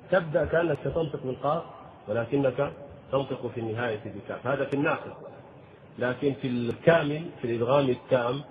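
A man teaching the rules of Quran recitation, explaining slowly and deliberately and chanting short verses as examples. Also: mid-range voice. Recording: tinny phone-like audio with faint noise.

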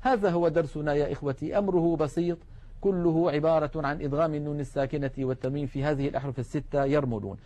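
A man teaching a recitation lesson, explaining calmly and chanting each example slowly with long drawn-out nasal sounds. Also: a little high. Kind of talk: recorded tajweed lesson.

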